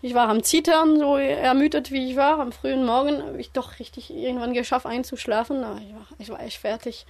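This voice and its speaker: A woman speaking hesitantly and haltingly as an interviewee, telling her own experience. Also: high voice, fairly even intonation, creaky, darkish tone. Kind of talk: recounting a personal experience.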